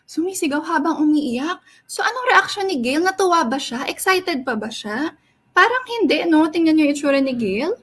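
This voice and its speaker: Lively high-voiced woman storyteller. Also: moderate pace. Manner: expressive, sing-song, asks children questions. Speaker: storyteller reading to children. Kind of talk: animated read-aloud storytelling for kids.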